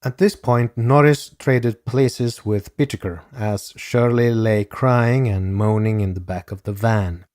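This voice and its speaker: A man narrating a true-crime podcast in a grave, measured reading. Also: fairly low pitch, a little mellow, no room sound, clean studio sound. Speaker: podcast host.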